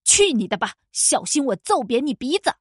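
A woman's voice: sits high, animated, measured pace, a bit bright, no room sound, studio quality. A woman voicing a mocking, bullying young male wolf who sneers and threatens. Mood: scornful.

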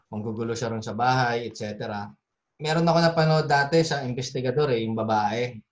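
Male podcast host, mid-pitched voice, relaxed casual delivery. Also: fairly quick, highs cut off. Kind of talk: casual drinking-session chat.

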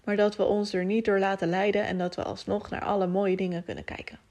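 This woman hosts a personal solo podcast, speaking candidly and emotionally in a medium-pitched, darkish, level voice at a fast clip. She rambles, hopping from one topic to the next and using lots of fillers.

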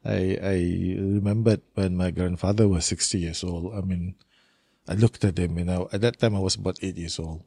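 A man's voice: low voice, fairly even intonation, moderate pace, warm tone, slightly rough, no room sound. A man in his sixties from Brunei, a guest telling his life story in a rambling, laughing way. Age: 60s. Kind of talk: casual interview chat.

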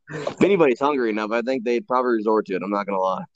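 A man's voice: medium pitch, animated, quick pace, a little hiss or hum. A man in a casual podcast chat, making crude jokes and laughing often. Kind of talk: casual banter. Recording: dull, dry lo-fi sound.

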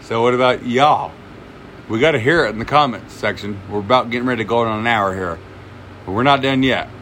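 A man's voice: mid-range voice, brisk, a bit bright, slight background noise. A man co-hosting a casual podcast chat, swearing freely, laughing often and retelling comedy bits. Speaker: podcast co-host.

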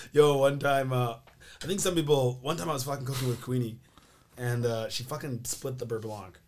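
A man's voice: medium pitch, normal speed. A man who is a guest on a podcast, chatting casually, laughing often and telling stories with energy. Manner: laughs often, animated storytelling. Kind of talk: casual chat.

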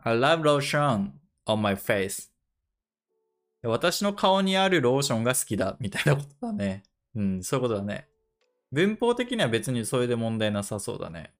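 Guy hosting a chill dictation session, muses out loud, repeats english lines slow, faint music behind. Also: mid-range voice, very animated. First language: Japanese. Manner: muses aloud, repeats English phrases slowly to test them. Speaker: podcast host leading a dictation session. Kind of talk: casual thinking-aloud language lesson.

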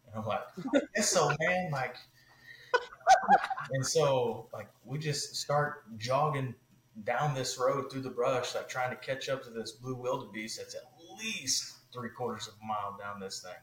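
A man, a podcast guest, telling a long story in a casual, animated way, with many fillers. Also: medium pitch, moderate pace, roomy sound, a little hiss or hum, low-quality recording.

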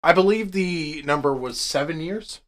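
A man's voice: a little high, moderate pace. A man co-hosting a casual podcast, ranting with heavy swearing. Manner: profane, ranting, animated. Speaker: podcast co-host.

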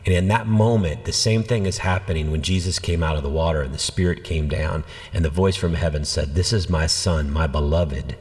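A man, a pastor, talking through faith in a relaxed conversational way, a lively storyteller. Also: rumbling low, a little fast, few pauses, big-room sound. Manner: animated storyteller, acts out quoted voices. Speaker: senior pastor. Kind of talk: conversational church podcast teaching.

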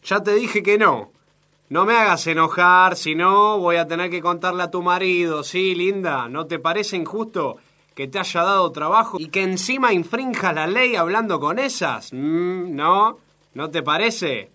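Sleazy Argentine factory boss with a bright, slightly high voice, patronizing sweet-talk laced with threats. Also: male voice, unhurried, full character voice. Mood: threatening. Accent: Argentine Spanish. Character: leering sexist male factory boss, condescending. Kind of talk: comic audio sketch acting.

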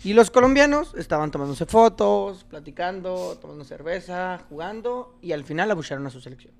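A man with a Mexican accent in casual sports chat, animated and argumentative, full of slang. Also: high-pitched, a little fast, vocal fry.

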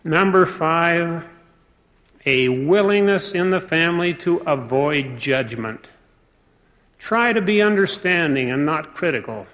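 A man giving a formal sermon in a deliberate, measured way, pausing between phrases. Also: fairly high pitch, lively intonation, a bit bright. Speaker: speaker. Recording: long reverb of a large hall.

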